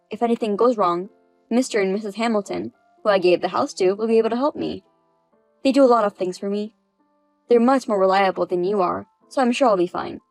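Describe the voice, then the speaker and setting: A woman's voice: medium pitch, a little mellow, no echo. A woman's synthetic voice narrating a text-message story as a firm, cold-spoken mother. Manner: firm, cold, matter-of-fact.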